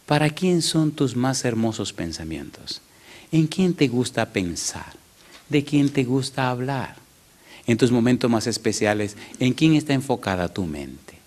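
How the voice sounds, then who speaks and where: A man's voice: lowish voice, darkish tone. A male pastor preaching to his congregation in a conversational style. He asks them questions directly and moves easily into telling stories. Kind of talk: sermon.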